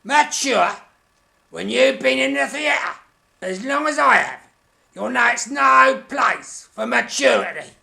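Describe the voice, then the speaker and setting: Hammy, creaky high-pitched Mr. Punch. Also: animated, slow pace, pushed and bright, exaggerated voice. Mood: indignant. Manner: hammy, theatrical, pompous, indignant. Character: vain hammy male puppet stage actor, Mr. Punch, touchy. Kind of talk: comic mock interview in character.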